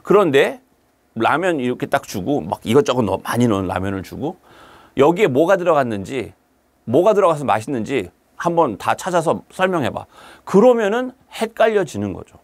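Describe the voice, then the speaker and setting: A man teaching an exam-prep lecture, lively and explanatory, slipping English terms into his talk and reading English passages slowly. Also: mid-range voice, no echo. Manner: animated, mixes English terms into Korean, reads English lines slowly.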